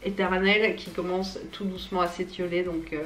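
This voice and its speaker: A woman's voice: fairly low pitch, little pitch movement, normal speed, fairly bright tone. Young woman with braces, echoey room. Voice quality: speaks with dental braces. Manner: informal, slangy, chatty. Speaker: YouTuber and small business owner. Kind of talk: casual unscripted chat to viewers. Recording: echoey room, faint background noise.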